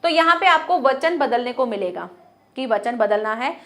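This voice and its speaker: A young woman with a high voice teaches a Hindi grammar lesson to students. She explains patiently, puts questions to the class and answers them herself. She repeats words again and again to model their sound. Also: expressive, moderate pace.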